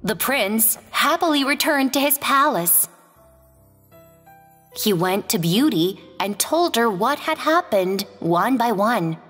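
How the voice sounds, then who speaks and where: Woman reading a kids fairy tale, slow and sing-songy, big reverb, soft music behind. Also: fairly high pitch. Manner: gentle, expressive read-aloud. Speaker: storyteller. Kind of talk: scripted fairy-tale narration.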